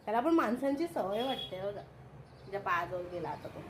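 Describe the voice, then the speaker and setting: A woman vlogging at home in casual chat, excited and playful as she talks to her viewers. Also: medium pitch, brisk, a little hiss or hum. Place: home with a sofa.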